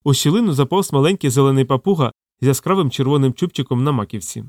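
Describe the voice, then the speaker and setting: With a mid-range voice, a man narrates an audiobook in an even, measured reading. The recording is dry and of studio quality.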